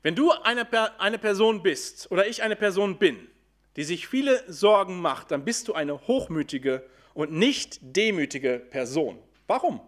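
Guy preaching a sermon, pretty high voice, keeps asking the crowd questions. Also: lively intonation, a bit bright. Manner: questioning the congregation, then answering himself; slows down for scripture quotes.

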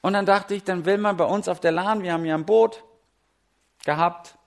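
A middle-aged man from Germany preaching a sermon, telling stories with lively swings between loud and hushed delivery. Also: high voice, normal speed, gravelly. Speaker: pastor.

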